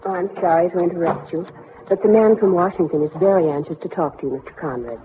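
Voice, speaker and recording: Casting: actress as polite nurse, brisk, lowish voice, dull old radio sound. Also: female voice, slight background noise, lightly acted. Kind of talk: 1940s radio acting. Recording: dull 1940s radio recording.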